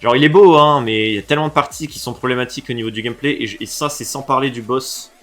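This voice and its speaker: A man from France giving casual reaction commentary on video game levels, swinging between low mutters and excited, swearing outbursts. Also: quick pace, faint music behind. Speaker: reaction streamer.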